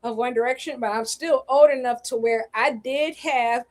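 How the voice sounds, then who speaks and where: A woman in her twenties co-hosting a casual charity stream, animated and slangy, quick to laugh. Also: on the high side. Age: 20s. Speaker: co-host.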